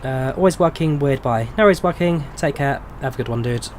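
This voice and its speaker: A man in his twenties from England streams flight sims live, casually chatting and answering viewers' questions in his English accent. His mid-range voice is brisk, his manner relaxed with frequent ums, and there's slight background noise.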